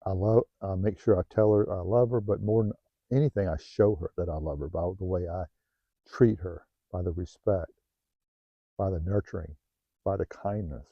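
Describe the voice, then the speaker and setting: A low-voiced Southern man, working as a self-help vlogger, gives an earnest motivational talk to the camera at a normal speed, his voice creaky. He is heartfelt and repetitive, restarting phrases and softening when things turn personal. A new home-video mic makes the dry recording sound dull and muffled.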